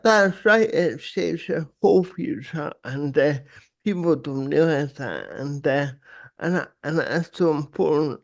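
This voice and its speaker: An older man hosting a casual podcast interview in a halting, repetitive way. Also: fairly high pitch. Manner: halting, hesitant, repeats words. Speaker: podcast host. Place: small home room, video call. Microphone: close desk microphone on arm.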